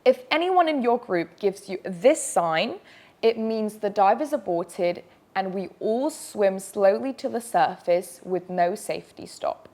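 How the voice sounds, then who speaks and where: A woman's voice: medium pitch, animated, measured pace, darkish tone. A woman presenting an instructional safety briefing, explaining directly with emphasis and reassurance. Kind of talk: instructional video narration.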